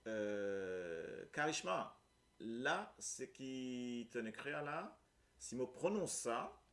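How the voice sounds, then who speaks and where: A man's voice: medium pitch, sing-song, very slow, fairly bright tone. A man with a Mauritian accent teaching a Creole lesson, explaining patiently and often checking that his listeners follow. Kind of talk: live language lesson.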